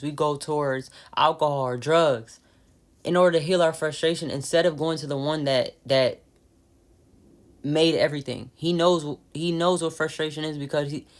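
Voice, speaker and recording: A woman giving an informal spoken devotional message as a faith vlogger, earnest and urging, often repeating herself and restarting phrases. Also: sits low.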